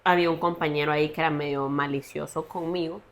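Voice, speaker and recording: A young woman, telling her personal story as a podcast guest in an earnest, halting way. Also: deep voice, steady tone, slight background noise. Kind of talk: personal testimony in a podcast interview.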